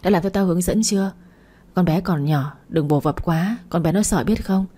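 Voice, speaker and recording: A woman's voice: fairly low pitch, normal speed, warm tone, husky. A woman voicing a brash male friend who mocks and teases with a laugh in his voice. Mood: teasing. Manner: mocking, laughing. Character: brash teasing male friend, playboy type.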